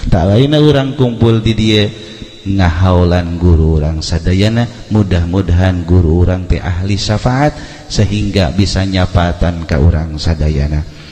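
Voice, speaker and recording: In a deep, mellow, unhurried voice, a reverberant preacher relates a sermon story to his congregation. He performs the dialogue theatrically, moving between plain narration and heightened quoted lines.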